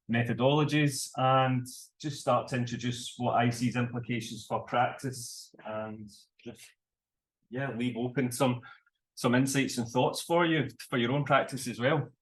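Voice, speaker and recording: A man presenting his research at a conference, deliberate and self-correcting as he speaks. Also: medium pitch, poor audio. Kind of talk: academic conference talk. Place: conference room.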